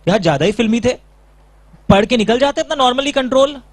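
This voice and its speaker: A man's voice: very high-pitched, expressive, fairly quick, no echo. A middle-aged male teacher giving a playful classroom lecture, mixing English lines into his teaching.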